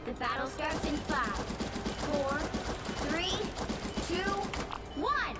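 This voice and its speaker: A woman's voice: high-pitched, animated, slow pace. A woman voicing an upbeat female game announcer calling out match events. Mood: announcing. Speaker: in-game announcer and hero voice lines. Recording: game audio over loud music.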